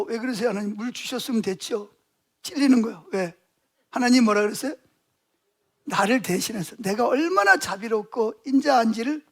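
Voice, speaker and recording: Very high-voiced Korean male pastor. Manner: storytelling, constant rhetorical questions to the congregation. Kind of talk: sermon.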